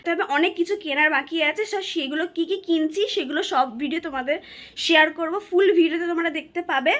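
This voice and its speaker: A woman's voice: very high-pitched, fast, a bit bright, dry recording. A young woman, chatting to viewers in a casual vlog while filming on her phone. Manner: chatty, addresses viewers directly. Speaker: vlogger. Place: outdoors and in a shopping mall.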